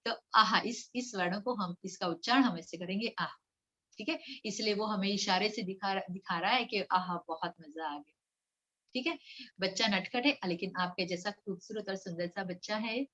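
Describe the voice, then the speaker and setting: A woman teaching Hindi to young children in a coaxing, sing-song way, sounding out syllables slowly. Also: mid-range voice, bright, forceful tone, dull audio. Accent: Mumbai Hindi. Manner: slow syllable-by-syllable reading for repetition. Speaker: primary school Hindi teacher. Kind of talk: online children's lesson with slides.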